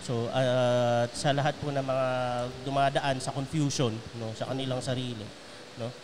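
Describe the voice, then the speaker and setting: Pastor guy talking it through, lots of examples, keeps asking okay?, music low behind. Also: level tone, moderate pace. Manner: explains by examples and checks in with "okay?". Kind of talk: casual chat.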